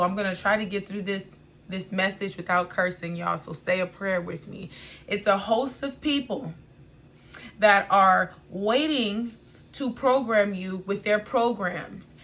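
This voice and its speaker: An American woman with a medium-pitched voice delivers an informal spiritual message. She is familiar with her listeners, addressing them like family. Her delivery is emphatic and exhorting, with repeated phrases and frequent check-ins. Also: a bit bright. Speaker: spiritual reader and online guide.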